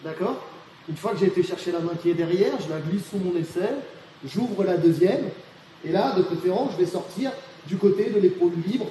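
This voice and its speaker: A man's voice: high voice, dark tone. A man teaching a martial arts technique and explaining each step, often checking in with his students. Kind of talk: technique demonstration. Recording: echoey hall with reverb and faint noise.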